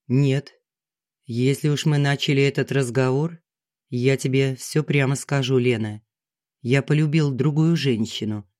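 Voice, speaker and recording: A narrator voicing a calm, restrained husband who speaks plainly, in an audiobook. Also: mid-range voice, a little slow, dry recording, studio quality, lightly acted. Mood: resigned. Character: quiet, restrained husband and forester. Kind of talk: audiobook character reading.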